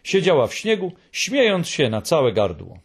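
Male narrator for a storybook; husky, animated delivery with lots of pitch movement. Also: moderate pace. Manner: expressive reading.

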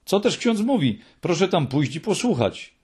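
A man voicing a brisk middle-aged male engineer in a read-aloud story, speaking energetically in a raised voice. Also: high voice, big pitch swings, darkish tone, slightly rough, pitched above the performer's own voice, full character voice. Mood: insistent.

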